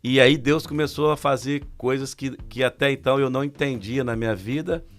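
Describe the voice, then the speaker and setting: Brazilian male pastor, podcast guest, animated storyteller, mid-pitched. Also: brisk. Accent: Brazilian Portuguese. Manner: animated, vivid storyteller acting out quotes.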